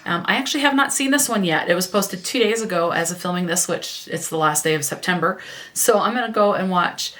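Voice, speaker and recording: A woman's voice: on the low side, a little fast, a bit bright. Chatty woman reading book blurbs. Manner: chatty, reads book blurbs aloud, stumbles and self-corrects. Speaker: book vlogger. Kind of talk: casual book vlog with read-aloud synopses.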